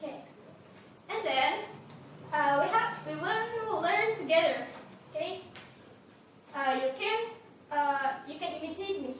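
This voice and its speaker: A seventeen-year-old girl from Indonesia giving a classroom presentation, halting with many fillers and restarts. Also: extremely high pitch, fairly bright tone. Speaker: student presenter. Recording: echoey room, noisy, far from mic.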